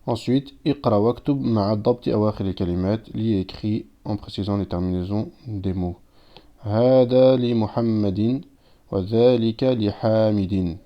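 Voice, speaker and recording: A man with a fairly low voice speaks quickly and barely pauses. He's an Arabic teacher on a recorded language lesson, patiently going step by step and reading words out with their translations. The recording has a dull, lo-fi sound.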